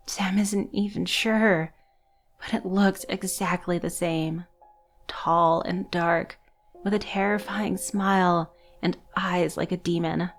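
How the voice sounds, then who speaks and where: A woman narrating a horror story in a measured, scripted storytelling manner. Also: lowish voice.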